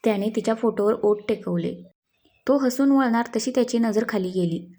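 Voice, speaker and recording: Calm woman reading a story aloud. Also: on the high side. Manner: slow, calm, even reading. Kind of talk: scripted story narration.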